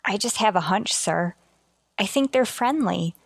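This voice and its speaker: A woman's voice: medium pitch, animated, a little slow, vocal fry, no room sound. A woman playing an eager, brave and deferential spaceship officer in a sci-fi radio drama, reporting in a clipped, respectful military way. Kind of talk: golden age sci-fi radio drama acting.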